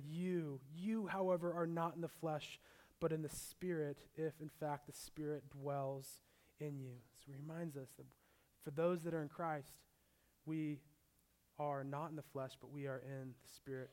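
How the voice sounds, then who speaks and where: A young man preaching a sermon as a pastor, mixing scripture with a relaxed personal story. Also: on the high side, normal speed.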